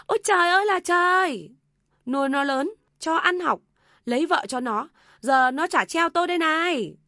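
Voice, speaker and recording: A woman's voice: extremely high pitch, animated, normal speed, sharp tone, no room sound, clean studio sound, pitched above the performer's own voice, exaggerated voice. A woman voicing a furious old mother-in-law who screams and scolds.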